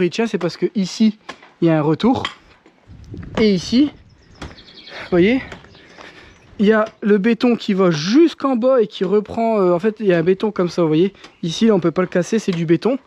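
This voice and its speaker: A man with a fairly high voice talks casually to the camera outdoors at a rural property. He explains his renovation work in a loose, chatty manner with the odd swear word. A faint noise sits behind him. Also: a little mellow. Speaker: home renovation vlogger.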